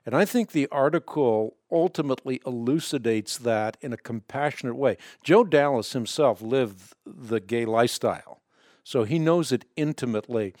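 A male radio host gives religious commentary in a dry, close recording. His mid-pitched voice is slightly hampered by a swollen, split lip, and he phrases things in a deliberate, preacherly way. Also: a little mellow, no echo. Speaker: host of a call-in religious broadcast.

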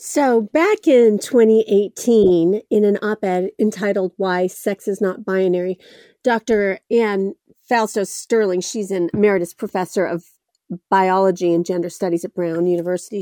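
A woman with a mellow, warm tone reads a quotation carefully and deliberately. The sound is dry and close. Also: medium pitch, no echo. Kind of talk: reading quotes in commentary.

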